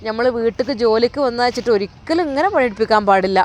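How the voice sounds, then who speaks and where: A woman's voice: on the high side, rapid-fire, a little hiss or hum, close to an everyday voice. A woman voicing a kind older mother-in-law who fusses over the young women, speaking with a Malappuram Malayalam accent in an affectionate, coaxing way. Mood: fond.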